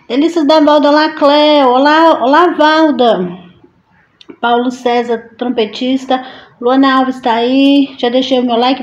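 A woman's voice: sits high, highs cut off. A woman hosting a casual live stream, chatty and affectionate, greeting viewers by name and laughing often. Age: adult mother. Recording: roomy echo.

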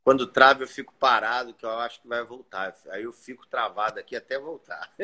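A man's voice: medium pitch, unhurried, bright, forceful tone, slightly rough. A man with a carioca accent, an actor from Rio de Janeiro, joking casually with fans on a live stream over a webcam at home. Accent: carioca Brazilian Portuguese. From Rio de Janeiro, Brazil. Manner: joking, laid-back. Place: home room, indoors. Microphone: video call on webcam.

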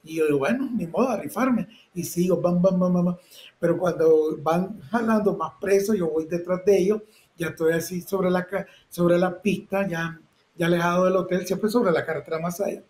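A middle-aged man with a Nicaraguan accent recounts his work as a photojournalist in a high-pitched voice. He tells his stories vividly, acting out the shouts of others and the sounds of the moment. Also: steady tone, normal speed, poor audio. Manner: vivid storyteller, acts out shouted quotes and sound effects. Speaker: photojournalist guest. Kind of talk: personal storytelling interview.

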